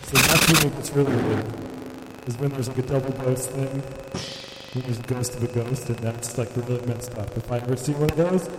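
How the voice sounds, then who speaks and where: A man playing a timid, easily scared male ghost who talks in a hesitant, rambling, deadpan way, recorded in a roomy hall with loud noise. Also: mid-range voice, a little fast, natural voice.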